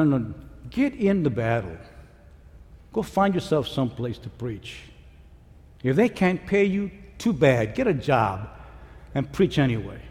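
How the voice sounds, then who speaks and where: A man preaching a conference sermon, swinging between shouts and hushed pleading. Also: a little high. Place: conference hall. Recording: large hall with long reverb.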